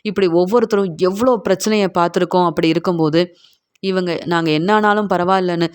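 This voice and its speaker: A woman's voice: fairly low pitch, steady tone, brisk, clear, resonant tone, natural voice. A woman reading the lines of an older father pleading on his son's behalf, in a retelling of a TV serial scene. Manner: pleading, aggrieved.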